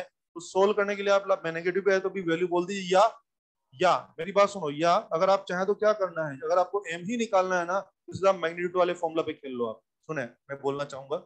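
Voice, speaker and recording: A man teaching physics in a lively classroom lecture, coaxing students with repeated questions and reminders. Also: high voice.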